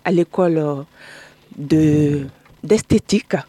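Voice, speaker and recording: A woman's voice: low voice, takes it slowly, mellow, slightly rough. A middle-aged woman from Burkina Faso, a guest telling her story in a chatty way in a radio studio interview.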